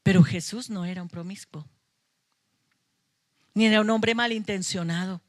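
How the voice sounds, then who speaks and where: A woman's voice: medium pitch, moderate pace, no echo, studio quality. A middle-aged woman pastor, preaching a sermon with emphatic passion and playful asides to her congregation. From Colombia. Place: church sanctuary.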